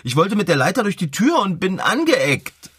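A man's voice: high-pitched, very animated, moderate pace, fairly bright tone, breathy edge, no room sound, clean studio sound, exaggerated voice. A man playing a clumsy, well-meaning bicycle mechanic in a children's radio play, in plain, everyday speech. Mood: dejected.

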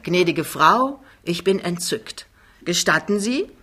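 A woman's voice: fairly low pitch, lively intonation, takes it slowly, heavily acted. A woman voicing a big, cheerful man who talks his way out of everything, in an audiobook reading. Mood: jovial. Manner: breezy, loud, smooth-talking. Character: big cheerful male giant, glib charmer.

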